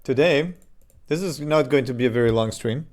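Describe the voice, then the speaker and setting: A man from Serbia with a Serbian accent, chatting casually on a game development live stream into a desk microphone, halting and full of fillers. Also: mid-range voice, darkish tone. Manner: halting, many fillers and restarts.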